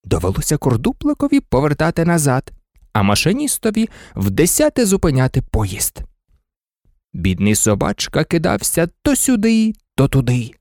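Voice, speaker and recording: Expressive storybook narrator, dry close sound. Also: medium pitch, no echo. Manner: expressive, melodic reading. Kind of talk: storybook reading.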